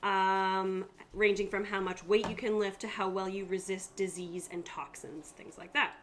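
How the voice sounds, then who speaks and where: Speaking at a normal speed in a level, mid-range voice, a woman serves as game master on a stream, chatting through tabletop game rules for her players. The recording, made at a group gaming table, has noticeable background room noise.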